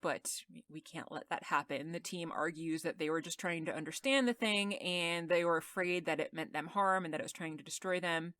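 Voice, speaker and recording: A woman's voice: on the low side, a little fast, hardly any pauses, fairly bright tone, no echo. A woman co-hosting a podcast, recapping an episode in casual chat, laughing often and quoting the characters' lines. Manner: chatty, laughs often, retells scenes with quoted lines. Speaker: podcast co-host.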